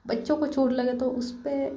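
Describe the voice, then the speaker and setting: A woman's voice: sits high, flat delivery, moderate pace, dark tone. A woman narrating a love story in a casual, chatty way, with direct asides to listeners. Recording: echoey room, dull lo-fi.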